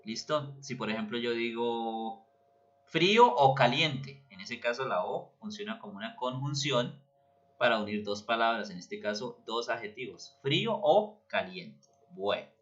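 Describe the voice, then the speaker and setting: Guy teaching grammar, bright clear voice, kinda muffled lo-fi audio, keeps checking students get it. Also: medium pitch. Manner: patient, checks in with listeners often. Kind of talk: explaining grammar lesson. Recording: dull lo-fi recording.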